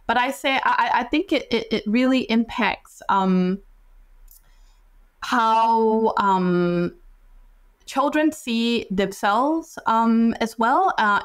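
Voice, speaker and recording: A woman from Singapore in her thirties, a psychologist speaking as a guest over a video call headset from a home office, thoughtful, with many fillers and restarts. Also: medium pitch.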